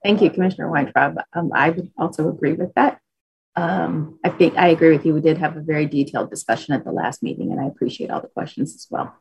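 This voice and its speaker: A woman's voice: deep voice, animated, fast talker, creaky, darkish tone, husky, no echo, rough recording. A woman chairing a formal government commission meeting in a courteous, procedural manner.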